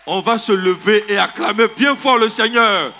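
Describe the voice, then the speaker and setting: Fervent high-voiced pastor. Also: male voice, moderate pace, vocal fry, sharp tone. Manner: fervent, exclaiming, leads cheers. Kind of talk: church testimony service. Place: church service.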